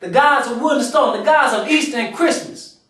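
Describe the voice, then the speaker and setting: A man preaches a sermon in a high voice, reading scripture and driving points home with repetition. He stands well back from the mic, and heavy room echo surrounds every word. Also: fairly quick, a bit bright. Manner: preaching cadence, repeats phrases for emphasis. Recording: echoey room from far off.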